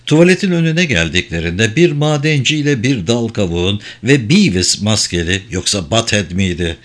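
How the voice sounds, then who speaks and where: A man reading a crime novel aloud as a steady, even audiobook narrator. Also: fairly low pitch, normal speed. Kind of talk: scripted narration.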